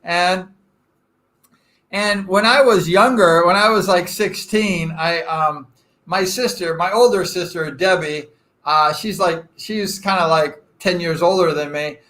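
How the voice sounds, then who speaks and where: A man of about sixty from Southern California hosts a casual live stream chat with viewers, rambling and chatty, joking at his own expense, and using frequent fillers. His voice is high and fairly bright, and he talks unhurriedly.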